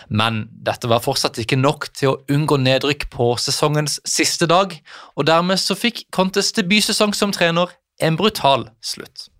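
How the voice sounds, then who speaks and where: A man, reading a scripted narration in a brisk, matter-of-fact way. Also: a little high, a bit bright, no room sound, clean studio sound.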